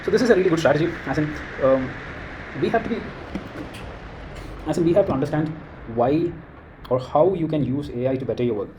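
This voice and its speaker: A man with an Indian accent talking through his screen in a casual walkthrough, thinking aloud and pausing on fillers. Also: a little high, muffled recording, noisy background. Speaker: creator.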